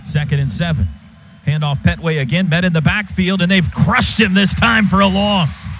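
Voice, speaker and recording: The dull, noisy radio feed carries an American man's live football play-by-play from a stadium booth. His high, somewhat bright voice keeps fairly even intonation and a moderate pace as he describes plays in clipped, vivid phrases.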